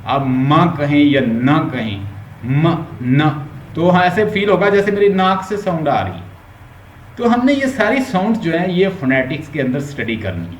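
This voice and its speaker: A male teacher with a Pakistani Urdu accent explains phonetics step by step in an online lecture, slipping English terms into his Urdu. His voice sits a little high for a man. The room is echoey and has a faint hum behind it. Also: big pitch swings, moderate pace. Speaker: linguistics teacher. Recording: roomy echo, faint background hum.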